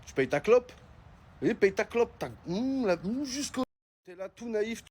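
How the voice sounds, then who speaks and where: Higher-voiced man ranting in French street slang. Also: lively intonation, a little slow, a little mellow, husky. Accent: French urban street. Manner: exclamatory, mock-indignant storytelling. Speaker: comedian telling stories to the camera. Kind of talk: casual comic rant in French street slang.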